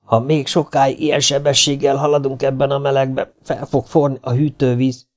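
A man's voice: medium pitch, flat delivery, voice pushed up, natural voice. A man doing a terse, edgy driver. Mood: tense. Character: tense male driver in heat.

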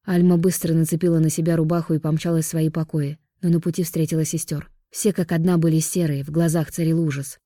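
A woman narrating an audiobook in a steady, even storytelling manner. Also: sits low, quick pace, hardly any pauses, dry recording, clean studio sound. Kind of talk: scripted narration.

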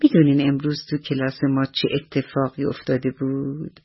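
A woman's voice: very deep voice, flat delivery, husky, pitched below the performer's own voice, full character voice. A woman storyteller voicing an earnest little schoolgirl in a children's radio bedtime story. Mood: chatty. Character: little schoolgirl fasting, curious and quick to accuse. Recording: dull lo-fi radio recording.

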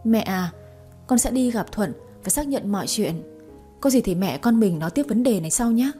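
A woman's voice: medium pitch, animated, normal speed, dark tone, soft background music, close to an everyday voice. A woman reading a meek young daughter. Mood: pleading. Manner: meek, pleading. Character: frightened young adult daughter, about twenty.

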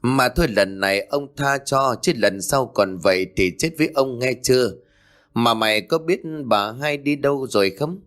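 A man voicing a tyrannical, quick-tempered old landlord who scolds and barks at his servant. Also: mid-range voice, a bit bright, pitched above the performer's own voice, close to an everyday voice. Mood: suspicious. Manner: scolding, barking.

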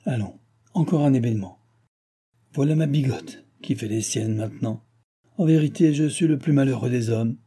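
A man reading an audiobook and voicing an irritable, self-pitying aging king who complains in exasperated outbursts, with a husky voice. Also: medium pitch, moderate pace, dark tone.

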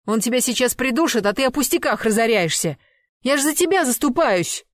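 A reader voicing a shrill, hysterical young woman who shouts and snaps. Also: lively intonation, a little fast, no room sound, clean studio sound, close to an everyday voice.

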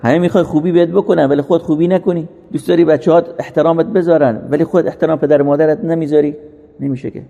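A man's voice: on the high side, steady tone, vocal fry, mellow, highs cut off. A man giving a religious lecture, earnest, asking and answering rhetorical questions. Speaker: religious teacher. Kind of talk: sermon-style lecture. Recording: long hall reverb.

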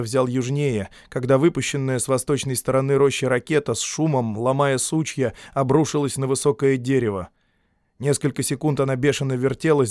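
A man narrating an audiobook in a steady, dramatic reading voice. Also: medium pitch, no room sound, studio quality.

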